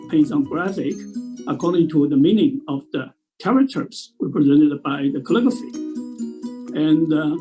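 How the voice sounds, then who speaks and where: A man's voice: a little high, rough recording. A man in his sixties from Taiwan, talking casually with frequent fillers and restarts. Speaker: presenter at a talent show. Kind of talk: casual talk.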